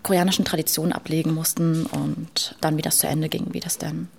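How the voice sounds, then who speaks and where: Young woman, student, casual interview, rapid talker, gravelly fry, lowish voice. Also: level tone, slight background noise. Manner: rapid, talkative.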